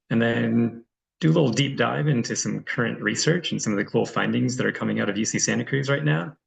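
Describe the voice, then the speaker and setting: A man's voice: medium pitch, gravelly, rough recording. A man giving a friendly, loose online presentation over a video call, as a reserve director, with frequent ums. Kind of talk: online presentation with screen sharing.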